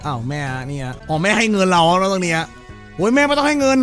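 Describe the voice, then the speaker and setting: A man's voice: sits high, sing-song, quick pace, a bit bright, faint music behind. A man streaming a game, joking crudely and putting on silly voices for the characters. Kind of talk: let's-play commentary.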